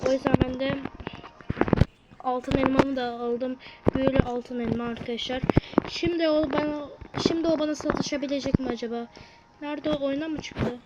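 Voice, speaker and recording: Excitable high-pitched woman gamer. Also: normal speed, lo-fi sound. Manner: excitable, chatty, bursts into shouts. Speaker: gameplay channel host. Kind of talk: live gameplay commentary. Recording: noisy home recording.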